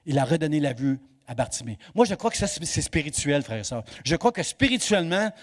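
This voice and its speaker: A male pastor preaching a sermon in church, swinging between loud exhortation and hushed emphasis. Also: a little high, very animated, fairly quick.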